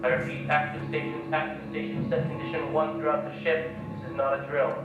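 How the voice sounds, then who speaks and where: A warship's loudspeaker announcement barks flat, clipped alarm calls through a roomy, echoing space. The voice sits far back from the mic and rushes each line at a quick clip. Loud music plays behind it. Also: male voice, fairly high pitch, highs cut off. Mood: urgent alarm. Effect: ship loudspeaker announcement. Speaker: ship intercom announcer. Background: loud dramatic music.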